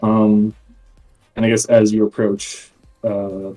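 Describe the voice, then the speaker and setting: Low, mellow man, hesitant narration. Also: level tone, slow, soft background music, poor audio. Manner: hesitant, many fillers. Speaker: player. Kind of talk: narrating in a tabletop game.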